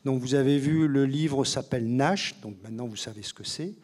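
A man's voice: mid-range voice, a little fast, a little mellow. A male doctor and author explaining things in an interview, in a didactic tone with frequent hesitations. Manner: didactic, many fillers and restarts.

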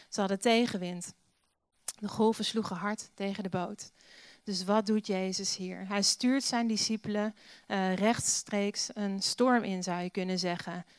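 Woman preacher, sermon with scripture reading, easygoing and full of rhetorical questions, smooth voice, dry close sound. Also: mid-range voice, dry recording. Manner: conversational, many filler sounds, rhetorical questions.

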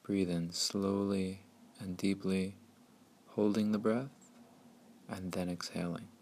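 A man narrating a scripted guided meditation in a soothing, hushed, unhurried way with long pauses. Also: low voice, level tone.

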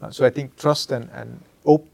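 A middle-aged Dutch-speaking man with a Flemish accent talks as a company executive about how he leads. His voice sits at medium pitch with fairly even intonation and a creaky, darkish tone, and he pauses often to find words, tagging his points with "huh?".

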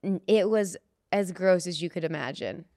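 A woman's voice: on the low side, normal speed, dark tone, dry recording, studio quality. A woman hosting a podcast who tells stories chattily and laughs through them. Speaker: podcast host. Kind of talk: casual podcast storytelling.

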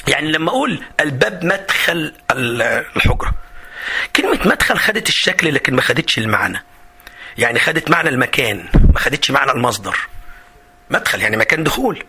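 A man with an Egyptian accent teaching an exam review lesson in a lively, chatty way, acting out student questions. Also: medium pitch, rapid-fire, slight background noise. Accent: Egyptian Arabic. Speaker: Arabic teacher.

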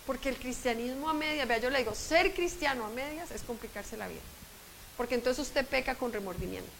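A woman's voice: high-pitched, brisk, creaky, a bit bright, a little hiss or hum, rough recording. A woman preaching a sermon at a conference, emphatic and conversational, speaking straight to her listeners. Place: conference hall.

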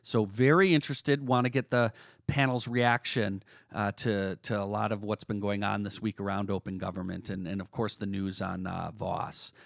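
A man hosting a political panel discussion, speaking in a hesitant, halting way. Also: lowish voice, little pitch movement, gravelly, no echo, clean studio sound. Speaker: host.

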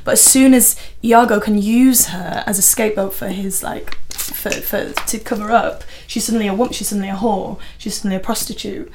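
A woman's voice: mid-range voice, steady tone, darkish tone, a little hiss or hum. A woman actor joining an interview and speaking earnestly, often checking that she has been understood. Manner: earnest, quick, checks in with the listener. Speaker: actor and guest. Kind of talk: casual interview chat.

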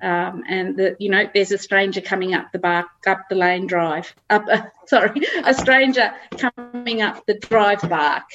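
A woman's voice: mid-range voice, a little slow, few pauses, fairly bright tone, muffled recording, faint music behind. A middle-aged Australian woman, a farmer, telling anecdotes in a chatty, casual interview. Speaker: farmer guest. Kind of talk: casual chat.

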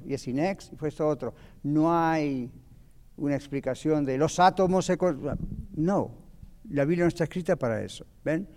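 Male pastor, higher voice, patient Bible teacher quizzing his class, reverberant church hall. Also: mellow. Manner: asks the audience questions, explains patiently.

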